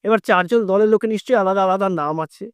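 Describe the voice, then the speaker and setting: A man teaching a lesson to students, asking them questions and stretching syllables out slowly to show how they sound. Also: sits high, smooth, no room sound, clean studio sound. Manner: asks questions and drags out syllables to demonstrate.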